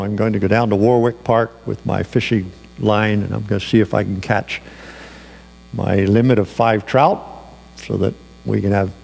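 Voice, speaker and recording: A man's voice: fairly low pitch, creaky, darkish tone. A male pastor preaching a sermon, telling a personal story in a conversational way with fillers, in a church sanctuary with long reverb.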